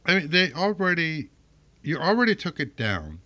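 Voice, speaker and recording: A man co-hosting a casual podcast chat, rambling with halting restarts. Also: a little high, big pitch swings, pushed and bright, dull audio. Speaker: podcast co-host.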